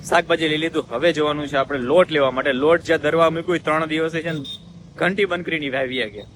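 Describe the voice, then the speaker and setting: A man's voice: on the high side, quick pace, a bit bright, a little hiss or hum. A young man hosting a family vlog. He chats casually with viewers, playful and teasing.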